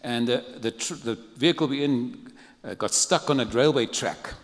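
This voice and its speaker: A man's voice: medium pitch, moderate pace, in a large hall. An older man from Africa, preaching a sermon in a humorous, conversational way. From South Africa. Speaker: pastor.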